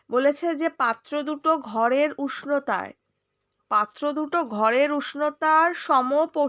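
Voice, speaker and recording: A high-pitched woman with a Bengali accent, a little under the weather, speaking softly as she teaches a science class. She reads questions out, then works through them step by step and asks students whether they follow. The recording sounds dull and lo-fi. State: slightly unwell, speaking softly. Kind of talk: explaining a science lesson.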